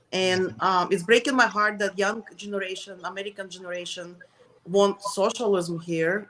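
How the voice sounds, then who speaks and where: The low-quality recording, with slight background noise, captures a middle-aged woman from Russia, Soviet Union, being interviewed. Her medium-pitched voice is a bit bright; she answers casually with a Russian accent, halting as she searches for English words.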